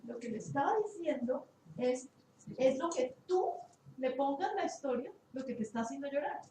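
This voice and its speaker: Female participant, fairly high, halting storyteller; distant in echoey room. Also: lively intonation, mellow. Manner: halting, searches for words. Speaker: workshop participant. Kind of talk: retelling an anecdote in class. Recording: echoey room, far from the mic, faint hiss.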